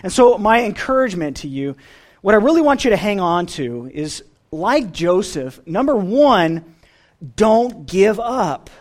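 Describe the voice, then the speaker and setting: A preacher giving a sermon in an expressive way, often letting phrases fall away softly at the end. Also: medium pitch, a little slow.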